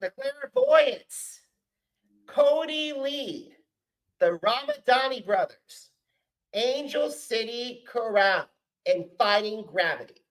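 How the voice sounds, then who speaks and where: A podcast host with a very high voice chats casually with his guest like an enthusiastic fan, speaking animatedly but at a slow pace. He talks in bursts with many restarts, and the audio quality is poor.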